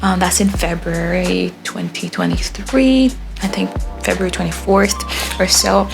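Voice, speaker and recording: Rambling young woman over soft music. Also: lowish voice, a little slow, gravelly. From born in Haiti, grew up in Florida. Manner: rambling, relaxed, frequent ums. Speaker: artist vlogger. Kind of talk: casual voice-over chat while drawing.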